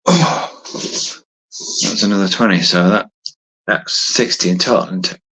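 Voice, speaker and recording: A man in his fifties doing push-ups on a casual livestream recorded on a phone, chatting hesitantly and ramblingly to viewers in a slightly husky voice. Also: low-pitched, measured pace, fairly bright tone, low-quality recording. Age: 50s. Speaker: livestream host. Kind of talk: casual live chat to viewers.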